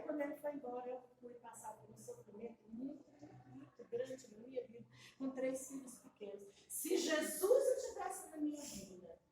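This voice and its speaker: A middle-aged Brazilian woman preacher shares an emotional, confiding testimony sermon with her congregation in a church hall. Her voice is high-pitched with a darkish tone, and the mic sits far off in the echoey hall.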